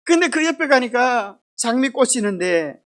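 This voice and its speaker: A woman teaching a children's Bible lesson, lively and asking the children questions. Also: fairly high pitch, normal speed. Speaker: children's Sabbath school teacher.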